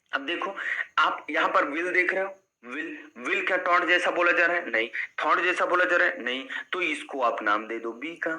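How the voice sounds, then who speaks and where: A male teacher explains a lesson to students. His voice sits a little high and sounds very bright and sharp. He goes through each step patiently, repeats himself, and keeps asking the class questions. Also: poor audio. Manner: addresses students as 'beta' and 'bhaiya'. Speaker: English teacher.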